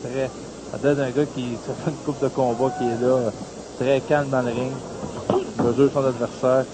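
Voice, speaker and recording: A man of medium pitch works as a boxing colour analyst. He comments conversationally, and the broadcast recording has clear hiss and noise. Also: level tone, moderate pace.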